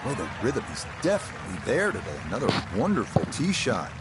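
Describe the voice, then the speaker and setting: A man's voice: medium pitch, wildly swooping pitch, quick pace. A man anchoring live golf commentary as the play-by-play commentator. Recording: crowd and outdoor noise behind. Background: golf crowd and outdoor ambience.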